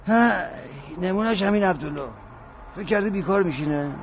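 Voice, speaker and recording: An actor playing a short-tempered middle-aged real-estate agent in a radio drama, brusque and quick to snap. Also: male voice, high-pitched. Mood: grumbling. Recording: dull lo-fi radio recording.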